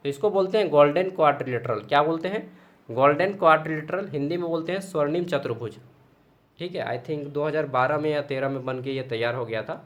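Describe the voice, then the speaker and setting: A man's voice: fairly high pitch, fairly bright tone. A young man teaching an exam-prep lesson, chatty, asking questions and answering them himself. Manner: chatty, repeats and checks with students; explains with examples, asks and answers own questions.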